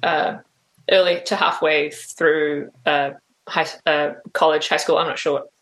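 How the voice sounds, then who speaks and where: A woman's voice: deep voice, little pitch movement, unhurried, fairly bright tone. Hesitant New woman guest. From New Zealand. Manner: hesitant, full of "like" and "um" fillers. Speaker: interview guest. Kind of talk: casual interview answers.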